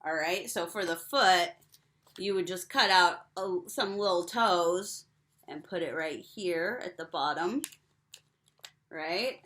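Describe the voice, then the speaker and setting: A woman's voice: lowish voice, takes it slowly, a bit bright. A young woman giving cheerful step-by-step craft instructions to children. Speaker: teacher.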